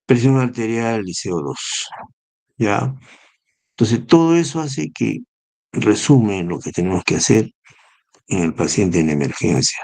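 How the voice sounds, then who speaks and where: Gravelly low-voiced man teaching medicine. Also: lively intonation, unhurried, pauses often, darkish tone, no room sound. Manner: explanatory, spells out acronyms, asks rhetorical "¿no?". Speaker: neurosurgery lecturer. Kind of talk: recorded medical lecture.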